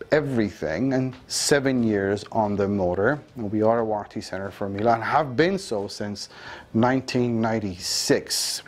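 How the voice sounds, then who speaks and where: A man's voice: mid-range voice, a little mellow. A man in his thirties presenting a vacuum cleaner in a studio, explaining its features in an upbeat sales manner with occasional fillers. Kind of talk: product demonstration. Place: dark studio showroom, indoors.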